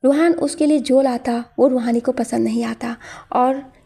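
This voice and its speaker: A woman narrating an audio drama story in a steady, dramatic storytelling manner. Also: high-pitched, normal speed, husky.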